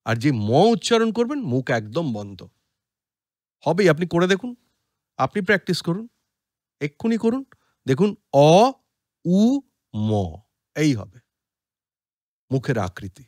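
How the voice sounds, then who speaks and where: A man with a Bengali accent giving an explanatory spiritual talk, chanting Sanskrit verses slowly and deliberately. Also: on the high side, big pitch swings, no echo, clean studio sound. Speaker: podcast speaker on scripture.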